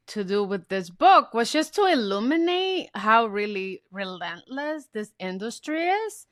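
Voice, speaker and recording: A woman from the Dominican Republic speaks as a guest author with a bright, forceful tone. Her talk is earnest and reflective, and it gathers into passionate points. The sound is dry, with almost no room. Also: mid-range voice, dry recording. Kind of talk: podcast interview.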